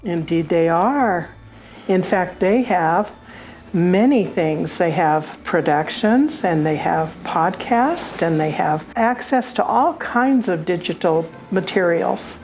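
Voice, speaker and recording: Woman as Mrs. Claus, gentle and slow-spoken. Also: on the low side, lively intonation, faint music behind. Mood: amused, informative. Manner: gentle, chuckling, unhurried. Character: Mrs. Claus, fond, homey, gently amused older wife. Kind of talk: audio drama dialogue.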